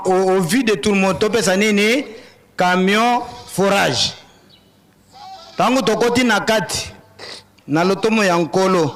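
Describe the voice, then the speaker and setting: A man with a high voice addresses a church gathering with fervour. He calls out to the congregation and explains a correction in an urgent, exhorting way. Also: a bit bright. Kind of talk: exhorting announcement.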